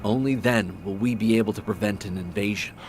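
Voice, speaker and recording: An actor playing a stern male game commander who gives firm, measured orders. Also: on the low side, background noise, lightly acted. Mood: commanding. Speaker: game character giving orders.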